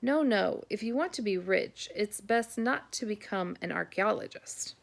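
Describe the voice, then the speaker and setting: Woman voicing a warm, British old uncle. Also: medium pitch, animated, measured pace, vocal fry. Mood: genial. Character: older British male archaeologist, warm eccentric uncle. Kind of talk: audiobook character voice.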